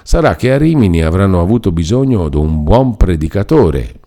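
A man's voice: sits low, big pitch swings, fairly quick, mellow. A man reading aloud and voicing a chatty, self-important older male friar who explains at length. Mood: explaining. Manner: garrulous, explaining, reassuring.

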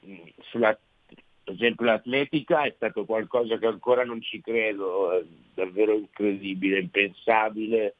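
A man in his thirties joins a radio show by phone, speaking eagerly with frequent pauses. The line is thin and tinny. It sounds very dry and close. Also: fairly low pitch, fairly even intonation, no echo. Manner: enthusiastic, halting. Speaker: guest athlete.

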